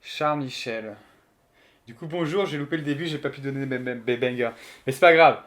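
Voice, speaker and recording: A man's voice: mid-range voice, a little fast, a bit bright. A man streaming live, chatting casually and joking as he thinks aloud and answers his chat.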